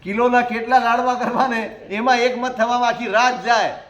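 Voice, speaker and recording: A man, a Jain monk, preaching a sermon in a conversational way, with rhetorical questions and gentle humor. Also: very high-pitched, fairly even intonation, moderate pace, highs cut off.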